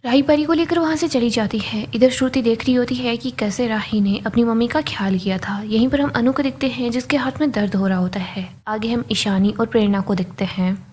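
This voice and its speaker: A woman narrating a recap of a TV serial in a steady, matter-of-fact way. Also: on the high side, fairly quick, slight background noise. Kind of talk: casual scripted narration.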